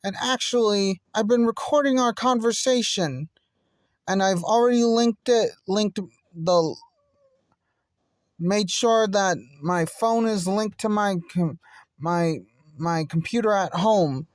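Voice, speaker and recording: An earnest teenage boy who dreams of being a hero stands his ground against a bully, voiced by a fan actor. He speaks in a plain voice at an unhurried pace. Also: mid-range voice, dry recording, studio quality, voice pushed up, lightly acted. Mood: determined. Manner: stubborn, threatening to tell on a bully. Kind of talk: fan voice acting.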